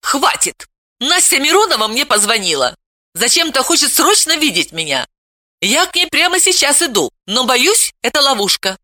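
Woman doing a bratty young woman, high and shouty, bright voice. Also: very animated, moderate pace, no echo, clean studio sound, exaggerated voice. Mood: defiant, brash. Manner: loud, exclamatory, cheeky. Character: brash young woman, defiant and provocative. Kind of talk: audiobook character voice.

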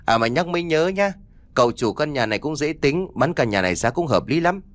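A man's voice: a little high, sing-song, a little fast, voice pushed up. A cheerful middle-aged father who dotes on his son and chats easily, read by a male narrator. The voice moves freely up and down as he talks. It sits close in a dry room with no echo. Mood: chatty. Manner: warm, chatty, fatherly. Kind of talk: audiobook dialogue reading.

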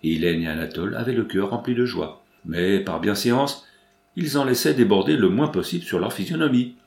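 Brief: male audiobook narrator, measured classic-novel reading, roomy recording. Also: on the low side, expressive, creaky, a little mellow.

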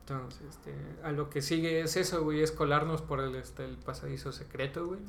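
A man's voice: on the high side, brisk, vocal fry, slight background noise. A man with a Mexican accent casually retelling a tabletop game session on a podcast, slangy and full of fillers. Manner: slangy, filler-heavy, ends phrases with "güey"; rambling, animated retelling with bursts of laughter. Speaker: podcast host. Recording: roomy echo, faint background ambience.

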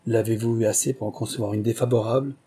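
A man voicing an eager, officious young gentleman in a read novel. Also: on the low side, fairly even intonation, fast, slightly rough.

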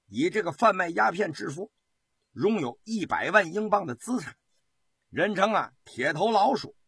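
Husky, animated male storyteller. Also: sits high, moderate pace, dry recording. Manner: dramatic, animated, colloquial. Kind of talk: traditional Chinese oral storytelling.

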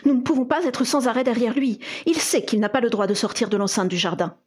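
Woman doing a jumpy witch mom in a storybook, short defensive answers, pitched up a little, husky. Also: lively intonation, normal speed, darkish tone. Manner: curt, defensive. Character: nervous, defensive witch mother.

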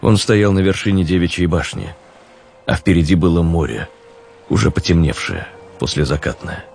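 A man narrating an audiobook in a measured, descriptive storytelling manner. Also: low voice, gravelly, darkish tone, husky.

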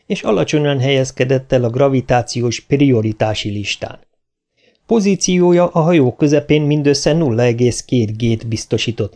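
A man reading a science fiction audiobook in an even, clear narration. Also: medium pitch. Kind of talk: scripted narration.

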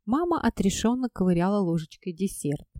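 A woman narrating a first-person audiobook in an expressive, measured reading. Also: medium pitch, no echo, clean studio sound.

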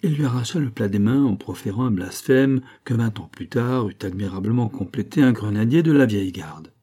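A man reading a classic novel aloud in a measured, expressive storytelling manner. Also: fairly low pitch. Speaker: audiobook narrator. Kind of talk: literary audiobook narration.

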